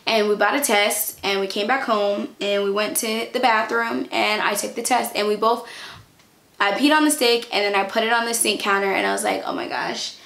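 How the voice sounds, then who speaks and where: A woman's voice: medium pitch, steady tone, moderate pace, gravelly, fairly bright tone. A young woman vlogger tells a personal story in a chatty, candid, informal way, with plenty of filler phrases. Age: young adult. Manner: chatty, candid, informal with frequent "like" and "you know". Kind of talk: casual storytime vlog. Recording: echoey, roomy sound.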